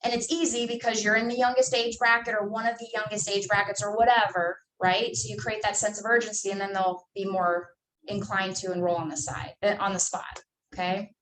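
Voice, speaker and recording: A sales trainer in her twenties coaches new agents, speaking emphatically with lots of fillers, though her mid-range voice is briskly flat in delivery. A crowd can be heard behind her. She's recorded at a distance in an echoey room with faint ambience.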